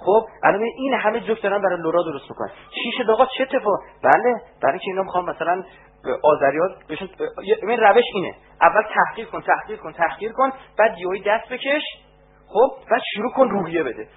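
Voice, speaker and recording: A man giving a religious lecture, animated and rising to emphatic outbursts. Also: high voice. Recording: tinny phone-like band with faint hum.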